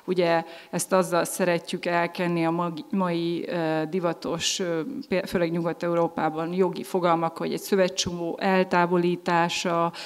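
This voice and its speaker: A woman's voice: on the low side, little pitch movement, few pauses, smooth, in a large hall. A woman giving an earnest personal testimony, often hesitating and restarting as she speaks.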